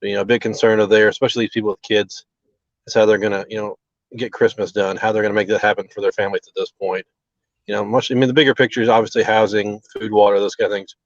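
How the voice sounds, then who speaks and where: A man, a restaurant owner, talks in a halting, earnest way full of fillers over a choppy, breaking-up call connection. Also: fairly low pitch, flat delivery, no echo. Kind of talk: live remote interview. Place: outdoors near a relief center. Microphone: video call over a bad mobile connection. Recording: dull lo-fi call audio, very dry.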